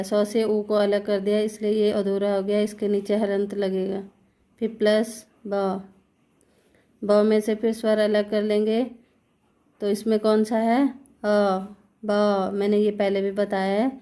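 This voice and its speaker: In this Hindi grammar lesson, the woman teaching has a mellow voice of medium pitch. She breaks the material down step by step, asking questions aloud and supplying the answers herself.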